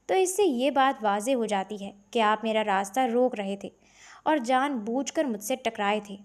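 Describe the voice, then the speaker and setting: Woman voicing a prim religious girl, cold and sharp, kinda high pitch, audiobook. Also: lively intonation, close to an everyday voice. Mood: scornful. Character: stern, devout young woman student.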